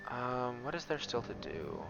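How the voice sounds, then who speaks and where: A man's voice: medium pitch, big pitch swings, measured pace, vocal fry, muffled recording, music in the background. A man giving casual let's play commentary, thinking aloud and reacting expressively. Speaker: gaming streamer.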